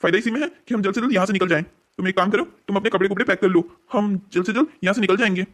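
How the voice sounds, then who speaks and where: A voice actor playing a sly, smooth-talking young man in a cartoon story, coaxing and evasive. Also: mid-range voice, rapid-fire, fairly bright tone, lightly acted.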